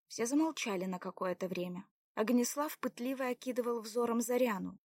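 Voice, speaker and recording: A woman narrating a story in an even, measured reading. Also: on the high side, no room sound. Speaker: audiobook narrator. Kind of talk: scripted narration.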